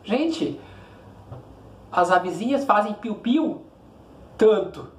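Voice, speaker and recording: A man with a Brazilian Portuguese accent, a literature teacher giving a classroom lecture, explaining in short phrases, asking rhetorical questions and reciting verses slowly. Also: sits high, roomy sound. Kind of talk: classroom lecture with poetry reading.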